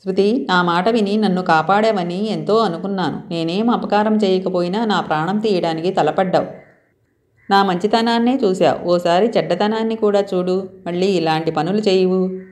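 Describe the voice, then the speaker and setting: A woman voicing a bold, teasing young man on the run in a read-aloud story, mocking at times and softly coaxing at others. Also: mid-range voice, normal speed, natural voice. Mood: stern.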